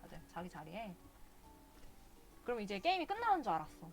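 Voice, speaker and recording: A woman's voice: mid-range voice, wildly swooping pitch, a little fast, faint music behind. A woman streaming a video game live, chatting casually and cursing at the characters in exasperation.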